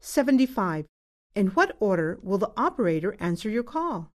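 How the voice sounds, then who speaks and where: A woman's voice: medium pitch, sing-song, moderate pace. A woman test narrator reading numbered exam questions as scripted narration.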